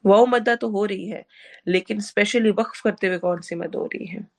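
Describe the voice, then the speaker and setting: A woman's voice: mid-range voice, normal speed, vocal fry. A woman teaching a tajweed lesson. She explains rules step by step, drags out recited words syllable by syllable, and puts questions to the class that she then answers herself.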